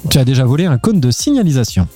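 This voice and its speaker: A man's voice: mid-range voice, sing-song, very fast, warm tone, soft background music. A man hosting a casual podcast, firing quiz questions at his co-hosts and laughing often.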